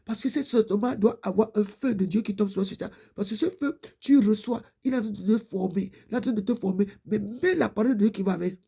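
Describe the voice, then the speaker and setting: A woman's voice: mid-range voice, a little fast, vocal fry, hardly any pauses, mellow, breathy edge. A woman preacher giving a fervent exhortation and prayer, repeating her pleading prayer lines.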